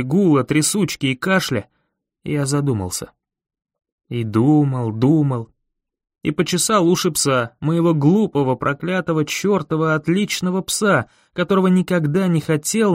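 A man's voice: a little high, dry recording, clean studio sound. Man narrating an intense audiobook. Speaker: audiobook reader. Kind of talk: first-person audiobook narration.

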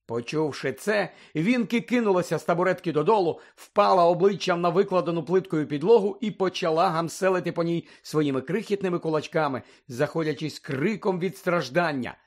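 A male audiobook narrator with a notably high voice, reading a fantasy story. He keeps a steady, even storytelling delivery. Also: fairly quick, few pauses. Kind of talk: scripted narration.

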